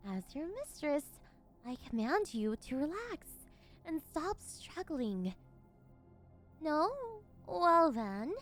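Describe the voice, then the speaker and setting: A woman's voice: high-pitched, big pitch swings, takes it slowly, fairly bright tone, faint music behind, heavily acted. A woman playing a possessive, unhinged yandere villainess in an ASMR role-play, cooing and teasing condescendingly as she domineers over her captive. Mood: indignant, menacing.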